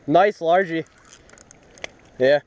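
A man's voice: on the high side, extremely slow, muffled recording. A young man filming himself fishing from a lakeshore, chatting casually with lots of fillers. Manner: relaxed, rambling with fillers. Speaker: fishing vlogger. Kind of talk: casual outdoor commentary. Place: lakeshore outdoors. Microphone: head-mounted action camera.

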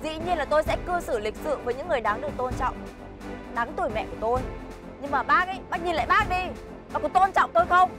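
A woman's voice: high voice, expressive, quick pace, over loud music. A young actress playing a blunt, defiant young woman who answers back firmly and coldly. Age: young adult. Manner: blunt, cold, firm retorts.

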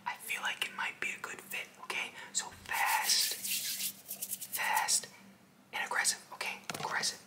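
A man in his twenties doing fast whispering ASMR, breathy and insistent, with clipped, repeated phrases aimed straight at the listener. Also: roomy sound. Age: 20s. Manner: aggressive, insistent, clipped and repetitive, addressing the listener directly. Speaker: ASMR host. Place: small indoor room.

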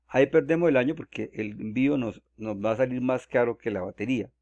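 A man's voice: mid-range voice, fast talker, darkish tone, dry recording. Man, methodical tutorial voice, dull muffled sound, dry close recording. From Colombia. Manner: methodical, walks through calculations step by step. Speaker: solar energy explainer.

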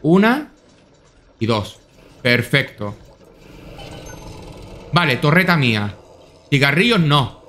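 A young man with a Spanish accent from Spain commentating his gameplay to himself, excitable and swearing freely. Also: a little high, takes it slowly, pauses often, a little hiss or hum. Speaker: gameplay streamer.

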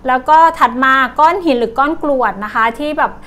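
A woman teaching English words to children, with a Thai accent, saying each word slowly over and over. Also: high voice, a bit bright. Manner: slow, drawn-out repetition of each word. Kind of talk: vocabulary lesson for children.

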